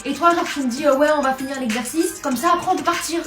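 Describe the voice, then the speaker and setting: Woman, high and fast, scheming sketch role, roomy distant sound. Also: music in the background. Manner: scheming, confiding asides to the viewer. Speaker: comedy sketch performer. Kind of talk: comedic sketch dialogue.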